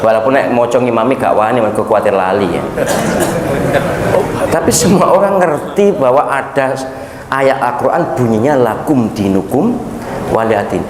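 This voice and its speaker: A man's voice: a little high, slight background noise. A man with a Javanese accent preaching a sermon in a folksy, conversational way, slipping into casual asides. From Java. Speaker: Islamic preacher. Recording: roomy hall echo, faint ambience.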